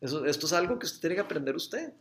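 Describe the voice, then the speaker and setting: A man's voice: on the high side, animated, fast, a bit bright. A middle-aged Costa Rican man, a father, telling a faith story in casual chat with many restarts. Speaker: father sharing a testimony.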